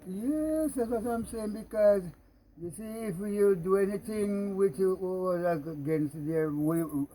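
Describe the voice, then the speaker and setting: A very old man in his nineties with a Jamaican accent, recounting personal memories in an interview in a halting, repetitive way. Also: high voice, mellow, slight background noise, rough recording. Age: 90s.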